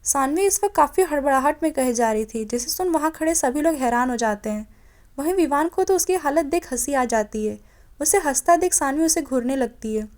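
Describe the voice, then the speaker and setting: High-voiced woman narrating a storybook. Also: expressive, fairly quick, darkish tone. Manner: reads characters' lines in mildly changed tones, occasional slips and self-corrections. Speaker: audiobook narrator. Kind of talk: storybook narration voicing all characters.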